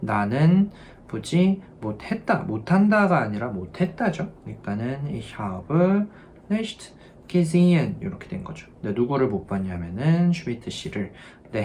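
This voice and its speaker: A man's voice: medium pitch, darkish tone, a little hiss or hum. Patient male language teacher. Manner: explains patiently, drills verb forms by repeating them slowly. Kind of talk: online grammar lesson.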